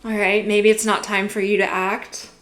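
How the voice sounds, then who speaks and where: A young woman giving a casual tarot reading, musing gently and filling her talk with "like" and "you know". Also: mid-range voice, level tone, moderate pace. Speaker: tarot reader.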